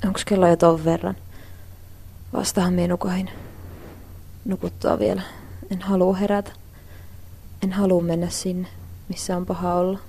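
A woman voices a miserable, bullied teenage schoolgirl, muttering a brooding inner monologue. Her voice sits low and mellow, soft and inward rather than bright. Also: level tone. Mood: groggy. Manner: quiet, brooding, talking to herself.

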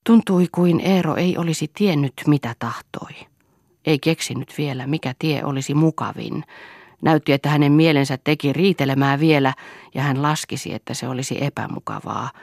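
A woman narrating a literary novel as an audiobook in a measured way, often dropping to a hushed, breathy tone. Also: low-pitched, no room sound, studio quality.

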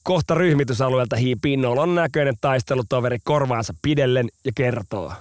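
A man's voice: medium pitch, no echo. Dry-voiced man narrating stories. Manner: casual, slangy narration. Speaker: podcast host and storyteller. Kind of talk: scripted storytelling podcast.

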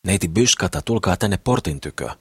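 A man reads out a hoarse, wheezing crippled dreamer in an audiobook, a naive eager fellow who rambles on about his plans. The voice sits very deep and breathy, with a dry, close sound. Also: animated, no room sound, full character voice. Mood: urgent. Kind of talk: audiobook character reading.

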